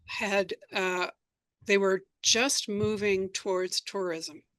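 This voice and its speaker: A radio drama writer and performer, being interviewed, reminisces in an articulate, storytelling way. Her voice is medium in pitch, steady and a bit bright, and she takes it slowly.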